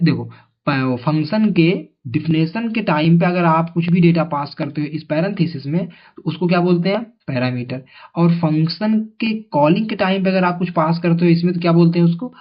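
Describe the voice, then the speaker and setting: A man's voice: on the high side, moderate pace. A male tutor giving an exam coaching lesson in a chatty way, asking his students questions and repeating the answers. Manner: calls viewers brother. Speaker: teacher. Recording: dull lo-fi sound.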